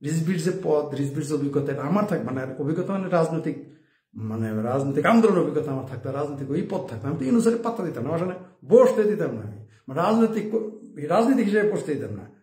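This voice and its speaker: Here a political commentator talks fast in a fairly high, darkish voice with big pitch swings. He delivers opinionated commentary, firing off rhetorical questions and chuckling at his own points, in a roomy, echoey room.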